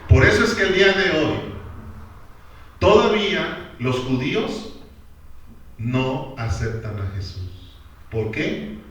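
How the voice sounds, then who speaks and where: A man preaching a sermon, firing emphatic questions at his congregation in a fairly high voice. He sounds a little distant from the mic, and his words ring out through a very echoey church hall over a faint background hum. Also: sing-song, slow pace, pauses often, a bit bright. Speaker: pastor.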